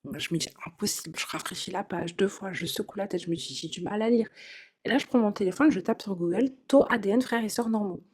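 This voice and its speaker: A woman's voice: mid-range voice, fast, a little mellow, slightly rough. Chatty young woman telling her story. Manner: casual and chatty, with frequent fillers and asides to the listener. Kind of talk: first-person confessional storytelling.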